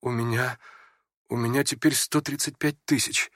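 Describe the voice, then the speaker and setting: A man reading aloud and voicing a gentle, timid young prince who speaks softly and hesitantly. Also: on the low side, fairly quick, no room sound, clean studio sound, pitched below the performer's own voice. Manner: soft, hesitant, stammering.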